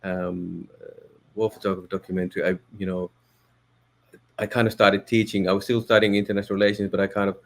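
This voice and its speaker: A Finnish man appears as a guest on a podcast interview, where he works as a photo editor. His voice is deep with little pitch movement, and he talks fast, yet he sounds thoughtful and hesitant, with lots of fillers and restarts.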